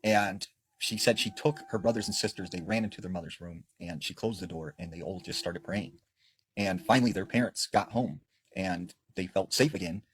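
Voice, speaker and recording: A man telling a spooky story in a casual, earnest way, swelling up and then dropping to a hush. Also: low voice, moderate pace.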